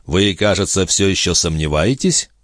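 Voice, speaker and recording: A man voicing a calm, imposing male sorcerer guest in an audiobook. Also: sits low, normal speed, no echo, clean studio sound.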